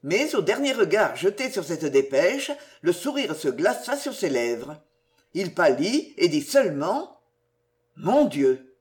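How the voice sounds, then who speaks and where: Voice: medium pitch, very animated, measured pace. A reader narrating a classic novel with dramatic, varied intonation. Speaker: audiobook narrator. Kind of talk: expressive literary narration.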